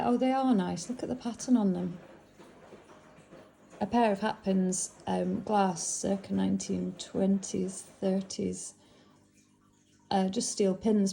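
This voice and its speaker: Middle-aged northern English woman sorting antiques on camera, chatty and fond of her finds, warm gravelly delivery. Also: medium pitch, poor audio. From England. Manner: chatty, musing aloud, fond of the items. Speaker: antiques seller. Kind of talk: casual narration while sorting antiques.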